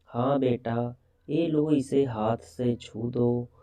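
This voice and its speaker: Man doing soft-spoken kind mother-in-law, storybook, unhurried and mellow. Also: medium pitch, fairly even intonation, distant mic. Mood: tender. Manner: gentle, sweet. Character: kind affectionate middle-aged mother-in-law.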